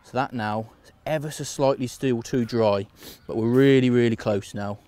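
A man from England, an angler, calmly talking through bait mixing and feeding his swim outdoors on a canal bank in a practical fishing how-to. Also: mid-range voice, moderate pace. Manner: relaxed, practical, talks through each step. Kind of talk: instructional fishing demonstration.

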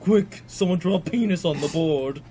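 A woman's voice: lowish voice, normal speed, slightly rough. A young woman in giggly, silly casual chat while playing through a game with friends. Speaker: let's play co-host. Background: loud game music.

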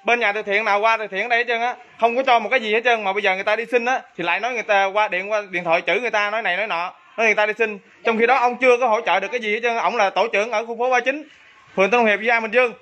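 Indignant high-voiced man. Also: steady tone, very fast, bright, forceful tone. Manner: indignant, insistent. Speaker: resident complaining about local leader. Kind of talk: on-camera complaint.

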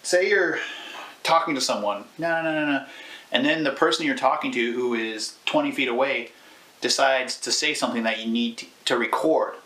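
This YouTube tutorial presenter, a man in his thirties, demonstrates as he explains a how-to in a casual, informal, start-stop way. He speaks at normal speed in a mid-range voice with a sharp tone, recorded on a clip-on lavalier or camera mic.

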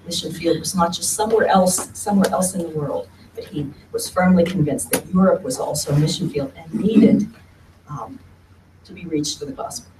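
Captured by a distant camera at the back of a roomy hall with a faint hum, a woman with a fairly low voice speaks at a moderate pace. She is giving a history talk from a lectern to a meeting-room audience, keeping it conversational and frequently repeating words.

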